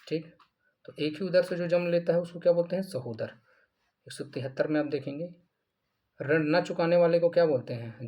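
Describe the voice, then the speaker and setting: A male teacher goes over mock test answers in a steady explanatory way. His voice sits a bit high for a man. He restates each answer and poses questions that he answers at once. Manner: explanatory, repeats answers, asks and answers own questions. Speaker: Hindi grammar teacher. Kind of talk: exam answer walkthrough.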